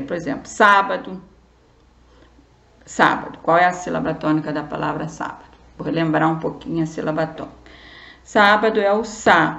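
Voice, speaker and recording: A woman's voice: fairly low pitch, gravelly. A woman teaching a primary school grammar lesson, patient and checking understanding as she goes. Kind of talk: remote class lesson. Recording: roomy, dull lo-fi recording.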